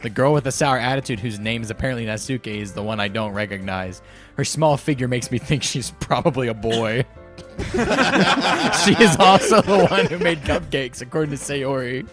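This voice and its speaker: A man's voice: medium pitch, normal speed, fairly bright tone, faint music behind. A young man reading game narration aloud with friends in a playful way, with laughing asides. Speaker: narrator of a read-through.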